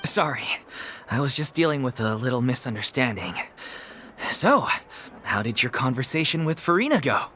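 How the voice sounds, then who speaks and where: An earnest, worried troupe leader. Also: male voice, mid-range voice, big pitch swings, normal speed, sharp tone, a little hiss or hum. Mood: relieved. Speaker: troupe manager. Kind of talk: video game voice acting. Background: game music.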